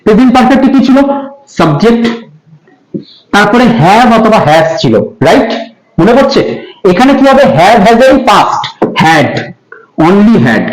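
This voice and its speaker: A teacher with a Bengali accent giving a grammar lesson to school students, patiently repeating key terms and asking whether the class has understood. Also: female voice, mid-range voice, very animated, unhurried, pauses often, roomy sound, low-quality recording.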